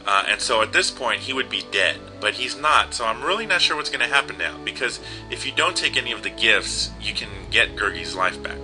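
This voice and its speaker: Young male let's player, chatty, lower pitch, crisp bright tone, light game music. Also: animated, brisk, few pauses, poor audio. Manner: chatty, reads game text aloud. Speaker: let's play host. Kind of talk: casual game commentary.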